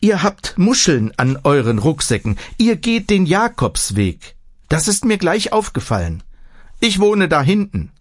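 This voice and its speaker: A man's voice: fairly high pitch, sing-song, a little slow, no echo, studio quality, voice pushed up. A man voicing a plump old village woman who pants and chatters eagerly as she invites guests in. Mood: eager welcoming. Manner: breathless, eager, pious chatter.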